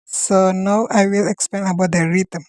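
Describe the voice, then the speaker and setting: A woman gives her part of a class presentation, reading her notes aloud in a steady explaining way. Her voice is mellow and soft-edged. The recording is dry and close. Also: medium pitch, moderate pace, dry recording, poor audio. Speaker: student presenter.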